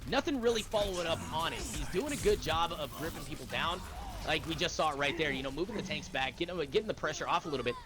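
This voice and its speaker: A man doing energetic play-by-play commentary on an esports match, calling the action in quick bursts. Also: fairly high pitch. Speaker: esports caster.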